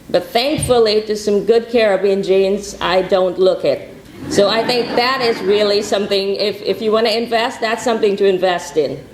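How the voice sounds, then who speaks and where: A woman's voice: medium pitch, slight background noise. Woman from guyana firing up a conference crowd, rallying and repeating herself, echoey hall. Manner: rousing, repetitive rallying. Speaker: conference founder giving opening remarks. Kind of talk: conference speech.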